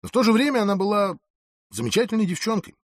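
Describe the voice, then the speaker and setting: Guy narrating an audiobook, lively up and down voice, dry close mic. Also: sits high, fast talker, no room sound. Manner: expressive, dramatic reading. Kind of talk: first-person audiobook narration.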